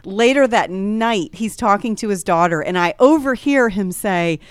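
A woman in her forties chats on air, telling stories and laughing as she goes. Her voice is smooth and clear, in a dry studio with no room sound. She sits at a middle pitch. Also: moderate pace, no room sound. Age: 40s. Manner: chatty, laughing storyteller. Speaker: radio co-host. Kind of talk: casual chat.

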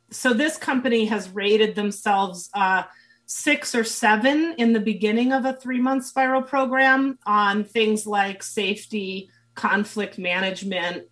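A woman at an everyday middle pitch explains her team work in an earnest, searching way. Her voice is worn and close to going. She circles back with restarts and fillers as she thinks. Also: fairly bright tone. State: losing her voice. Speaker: leadership and team consultant, guest. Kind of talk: conversational interview answers.

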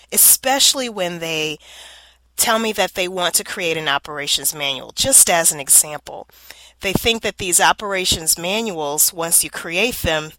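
Sounding slightly nasal and stuffed up from allergies, a Louisiana podcast host talks solo in an upbeat, explanatory style. Her voice is lowish, pushed and bright, recorded in low quality with no room sound.

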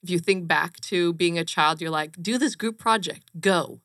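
A woman's voice: on the low side, normal speed, creaky, a bit bright, dry recording, clean studio sound. A woman from Romania, a company co-founder, speaking earnestly and emphatically as an interview guest. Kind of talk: casual interview chat.

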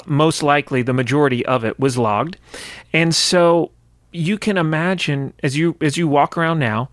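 A man hosting a radio interview, chatty and quick to cheer his guest on. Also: a little high, fairly bright tone, no room sound. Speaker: radio host.

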